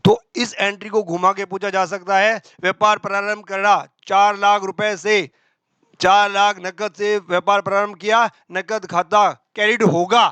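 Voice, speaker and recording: Brisk, bright-voiced male tutor. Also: sits high, flat delivery, clean tone, no echo. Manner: brisk, voices imagined student questions. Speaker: accountancy teacher. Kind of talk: exam-prep lecture.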